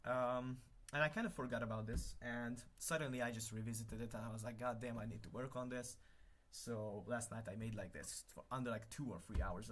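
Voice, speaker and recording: This livestreamer is a young Hungarian-speaking man with a medium, fairly bright voice. Talking loosely while he works, he wanders off topic, fixes his own words often, and leans heavily on filler sounds.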